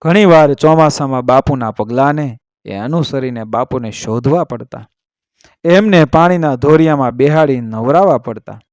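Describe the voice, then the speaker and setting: A man narrates a heartfelt story in an earnest, unhurried way, his voice sitting at an ordinary middle pitch. The recording is dry and close, with no room echo. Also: a little mellow, smooth. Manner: measured, earnest storytelling with vivid pauses.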